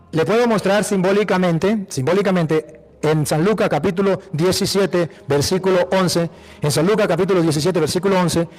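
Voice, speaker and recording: A priest from Venezuela with a Venezuelan accent, preaching emphatically, repeating phrases and asking rhetorical questions. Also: male voice, high voice. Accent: Venezuelan Spanish. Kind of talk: apologetic preaching.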